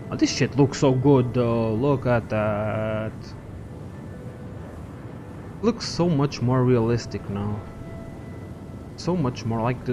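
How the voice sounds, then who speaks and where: With background noise and the highs cut off, a medium-pitched young man rambles through casual gameplay commentary for his gaming channel, thinking aloud and cursing freely.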